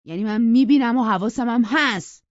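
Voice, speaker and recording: A sullen, brooding young farmhand, put on by a woman narrator talks bluntly and with resentment. The voice sits low and a touch dull and lo-fi, as in a storybook audiobook recording, with a dry close sound. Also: warm tone, no echo. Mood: resentful.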